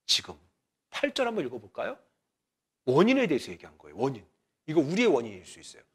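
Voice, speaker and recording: Lively high-voiced Korean pastor preaching. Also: male voice, fast talker, breathy edge. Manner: conversational preaching, swings from loud exhortation to near whisper. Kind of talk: sermon.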